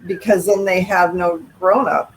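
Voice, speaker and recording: A woman's voice: lowish voice, steady tone, measured pace, slight background noise, low-quality recording. Frank, opinionated middle-aged woman. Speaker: author guest. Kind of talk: conversational live video interview. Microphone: video call.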